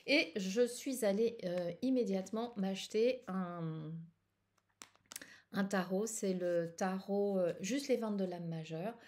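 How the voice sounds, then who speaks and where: Hesitant French-speaking woman, mellow voice. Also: mid-range voice, takes it slowly. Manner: hesitant, many fillers and restarts. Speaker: tarot channel host. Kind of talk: casual personal chat.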